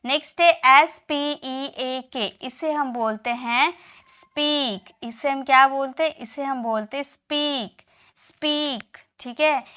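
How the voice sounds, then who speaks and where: High bright woman teaching. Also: slow pace. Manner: spells words letter by letter, asks and answers her own questions. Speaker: English teacher. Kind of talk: spoken English lesson.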